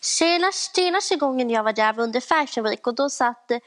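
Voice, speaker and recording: A young woman co-hosting a podcast in casual chat, talking loudly and acting out voices in quotes. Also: high voice, animated, slight background noise. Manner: chatty, acts out voices in quotes; talks loudly by habit. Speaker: podcast co-host.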